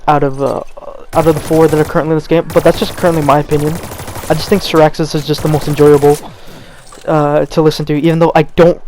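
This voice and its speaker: A man's voice: fairly high pitch, darkish tone, a little hiss or hum. A young man giving a rambling, unscripted rant as a gaming channel host, stammering and restarting as he talks while feeling cold. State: cold, stuttering. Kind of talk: unscripted gameplay commentary rant.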